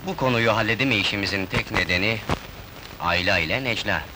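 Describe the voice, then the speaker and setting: An actor playing a greedy, grumbling son-in-law in a 1970s film comedy. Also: male voice, on the low side, brisk, background noise, lightly acted. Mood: sly.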